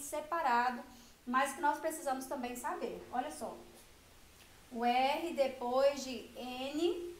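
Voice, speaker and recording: A woman with a Brazilian Portuguese accent teaching children a grammar lesson, patiently drawing out example sounds. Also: high-pitched. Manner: patient, explanatory, stresses example sounds slowly. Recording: echoey room with faint hiss.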